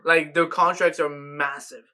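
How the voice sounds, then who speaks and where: Bright-voiced animated young podcast man. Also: a little high, measured pace. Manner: animated, ranting, lots of likes and restarts. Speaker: podcast co-host. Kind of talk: casual sports podcast chat.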